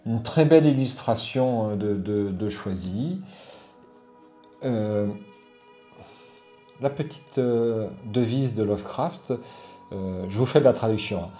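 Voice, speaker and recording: A man's voice: lowish voice, slow, pauses often, dark tone, soft background music. A middle-aged man hosting a board game channel, giving a casual product review full of fillers and restarts. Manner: hesitant, many fillers and restarts.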